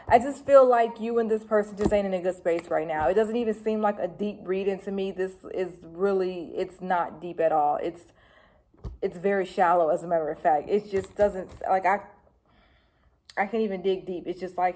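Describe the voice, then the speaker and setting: A woman doing a casual tarot reading, talking fast, chatty and blunt with slang. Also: lowish voice, a little mellow. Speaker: tarot reader.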